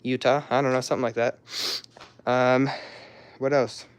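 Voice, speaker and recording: A young man casually showing his cars in a rambling, offhand way, with a scratchy, hoarse voice. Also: mid-range voice, flat delivery, moderate pace. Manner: rambling, loose and offhand, trails off mid-sentence. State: hoarse, throat-clearing, coughing. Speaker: car hobbyist showing his garage. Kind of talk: casual walkaround vlog.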